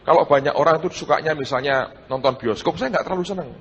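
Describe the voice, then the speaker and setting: A middle-aged man, preaching a sermon and telling his own story, swinging between hushed and loud. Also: a little high, quick pace, breathy edge, highs cut off. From Indonesia. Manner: animated, shifts between hushed and loud, addresses audience as saudara. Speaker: pastor. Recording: large hall with long reverb and faint noise.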